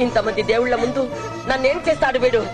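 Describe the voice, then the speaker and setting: A woman's voice: on the high side, fast, lightly acted. A woman playing a fiercely protective old grandmother in a film melodrama, lamenting and scolding emotionally. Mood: defiant. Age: older. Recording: film scene, loud music and crowd.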